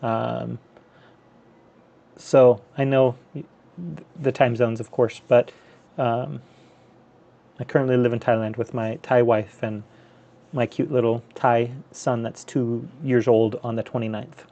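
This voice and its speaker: With a gravelly, mellow mid-range voice and a level tone, a North American man from the US and Canada hosts a casual handheld gaming live stream. He talks slowly with long pauses, rambling over gameplay with many fillers and restarts, and the audio sounds dull.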